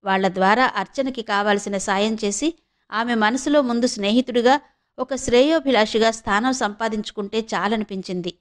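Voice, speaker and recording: Brief: audiobook narrator, woman from Visakhapatnam, fairly high voice, steady and expressive. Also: normal speed. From India, Visakhapatnam. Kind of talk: scripted narration of a novel.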